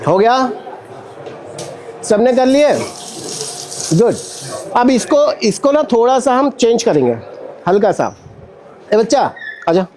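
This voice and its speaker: High, lively man coaching a class. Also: slow pace, pauses often, a little hiss or hum. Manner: energetic, counts and calls out corrections. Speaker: acting instructor. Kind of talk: coaching a stage-fight drill. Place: indoor acting studio with a class.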